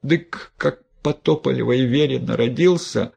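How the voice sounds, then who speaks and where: A desperate peasant woman begging and stammering in thick rustic speech, pitched well up, as a man puts her on. There's a gravelly, husky grain beneath the wail. It plays like an audiobook character. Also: measured pace, darkish tone, exaggerated voice. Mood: anxious confession. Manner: wailing, stammering "дык-дык", rustic dialect. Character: wailing, pleading peasant woman, middle-aged.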